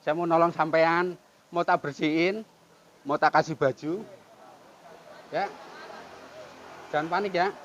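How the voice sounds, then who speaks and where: Guy, kinda high voice, soft coaxing, keeps repeating stuff, loud traffic and bugs in the background. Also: measured pace, pauses often, muffled recording. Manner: calm, coaxing, repeats soothing phrases. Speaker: volunteer caring for a homeless man. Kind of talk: filmed street outreach, talking to a man on camera. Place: roadside outdoors near a market. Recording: outdoor traffic and insect noise.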